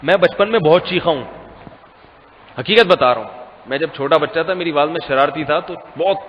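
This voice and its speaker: A man giving a conversational Islamic sermon, telling humorous stories and acting out quoted voices, his voice hoarse. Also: a little high, slight background noise. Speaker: Islamic scholar. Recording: reverberant hall, dull lo-fi sound.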